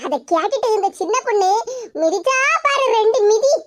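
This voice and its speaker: A woman voicing a complaining, indignant older village woman in a cartoon, in a high, squeaky voice. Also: lively intonation, normal speed, slight background noise. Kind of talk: cartoon voice acting.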